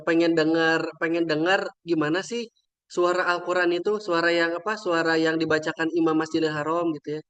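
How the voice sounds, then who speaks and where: A young man, a religious teacher invited to speak, tells a moving story in a casual, chatty way with many trailing fillers. His voice sits high with a fairly bright, clean tone, fitting a heartfelt storytelling talk.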